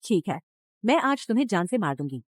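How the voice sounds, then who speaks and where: A woman's voice: mid-range voice, big pitch swings, brisk, no room sound. A middle-aged woman voicing a cruel, scheming village mother-in-law who scolds and threatens harshly. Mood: menacing. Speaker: dubbing actor. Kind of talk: Hindi drama dub.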